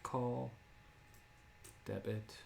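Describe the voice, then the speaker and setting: A man in casual chat, calmly reading out trade prices and profits. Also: on the low side, drawn-out words, vocal fry, slight background noise. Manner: calm, reading out numbers.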